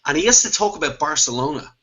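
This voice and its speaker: A man's voice: on the high side, expressive, quick pace, over a noisy crowd. A man joking and teasing his fellow panelists in casual banter. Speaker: commentator panelist. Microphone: video call. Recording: muffled online call audio.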